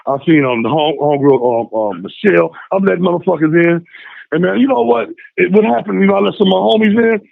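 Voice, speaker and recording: A man calling in by phone to tell a story in casual chat, lively and acting out the voices of the people in it. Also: sits high, fast talker, gravelly, no room sound. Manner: animated, acts out voices in his stories. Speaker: phone-in guest. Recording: tinny phone line.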